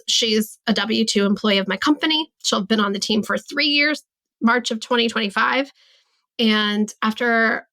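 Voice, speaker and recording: A podcast host and business coach in her forties talks candidly and reflectively about her business in a casual solo monologue. Her voice is fairly high and fairly bright, she says "like" a lot, and she voices her own thoughts as quotes.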